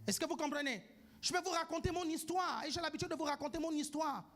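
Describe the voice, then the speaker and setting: A man delivers a sermon in a strikingly high voice. He presses each point home, keeps asking his listeners whether they follow, and now and then bursts into a shout. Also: fast. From grew up outside France. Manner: emphatic, keeps asking the congregation "do you follow?". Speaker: preacher.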